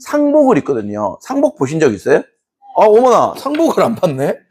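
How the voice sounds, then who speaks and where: Playful male history teacher, high and animated, lecturing to a class. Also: quick pace, a little hiss or hum. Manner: playful, acts out quotes, laughs often.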